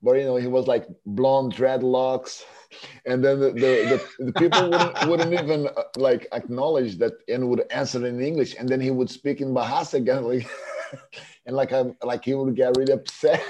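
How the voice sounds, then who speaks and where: A man's voice: medium pitch, dark tone. A man interviewing a guest in a friendly, chatty way, often laughing as he talks. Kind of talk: casual interview chat.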